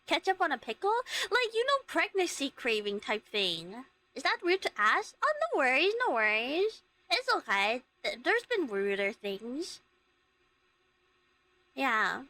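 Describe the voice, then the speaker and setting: A woman hosting a livestream, chatting casually with viewers in a giggly, expressive, rambling way. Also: sits high, unhurried. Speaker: livestream host, VTuber streamer. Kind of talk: casual chat with live viewers.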